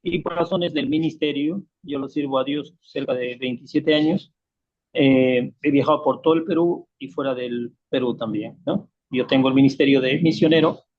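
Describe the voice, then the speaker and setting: A man's voice: medium pitch, normal speed, dry recording. Man on a muffled video call. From Peru. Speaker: missionary student. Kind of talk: self-introduction on a video call.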